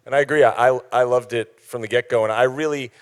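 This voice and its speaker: A film director answering questions at a press conference, earnest, with restarts. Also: male voice, mid-range voice, steady tone, fast, clear, resonant tone.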